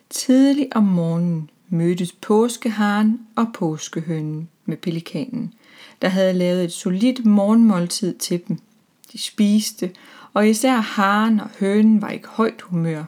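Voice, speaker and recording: A woman reading a children's story aloud in a calm, even storytelling manner. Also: medium pitch.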